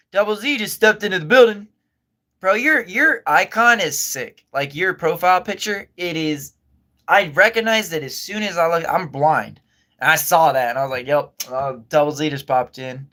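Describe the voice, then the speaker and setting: Man, livestream host, slightly high voice, bright tone, laid-back rambling chat, eating between sentences. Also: normal speed. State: eating while talking. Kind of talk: casual chat reading viewer comments.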